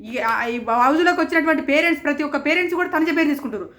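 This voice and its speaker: A woman's voice: high-pitched, rapid-fire, fairly bright tone. A woman giving casual, opinionated commentary as a show reviewer, indignant and repeating phrases for emphasis.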